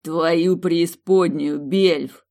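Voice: medium pitch, fairly even intonation, normal speed, darkish tone, close to an everyday voice. Stern vampire man, commanding and short-tempered, read by the audiobook narrator. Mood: firm. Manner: commanding, curses under pressure.

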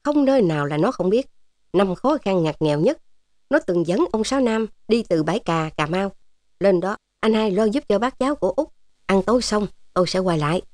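A woman's voice: medium pitch, expressive, a little fast, a little mellow, dry recording, close to an everyday voice. A woman voicing a jovial, teasing older male resistance officer in a storybook. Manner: teasing, fatherly, joking.

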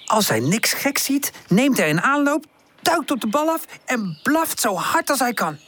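A woman narrating a children's audiobook with expressive storytelling. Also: sits high, measured pace, no room sound.

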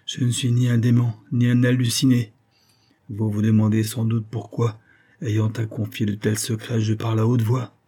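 A man's voice: fairly low pitch, dark tone, slightly rough. A man reading an audiobook, voicing a haggard male recluse who is convinced he is haunted and speaks with feverish dread.

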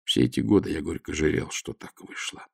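A man voicing a middle-aged gentleman who speaks quietly in a breaking, faltering voice. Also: extremely low pitch, expressive, fairly quick, vocal fry, heavily acted. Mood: shaken. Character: gentle middle-aged male adventurer, shaken.

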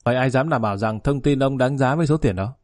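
A man's voice: mid-range voice, fast, a little mellow, no room sound, clean studio sound, natural voice. A man voicing a confident, careless young male banker who speaks in an offhand way. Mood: uneasy.

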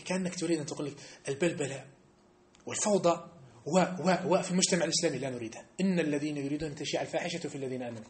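A man giving a mosque study-circle lesson, animated and emphatic, often checking that his listeners understand. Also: on the high side, racing. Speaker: religious teacher. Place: mosque hall.

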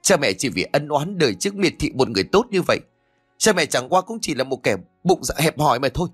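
A man's voice: mid-range voice, moderate pace, a bit bright, husky, soft background music. A man voicing a naive young woman in love who pleads and defends her lover. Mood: defiant. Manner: pleading, then crying out defiantly.

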